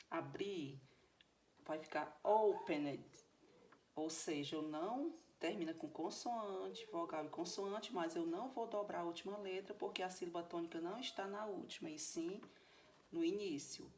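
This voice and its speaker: A woman's voice: fairly low pitch, darkish tone, a little hiss or hum. A woman with a Brazilian Portuguese accent teaching English grammar in a recorded video lesson, explaining step by step and often checking that her students follow.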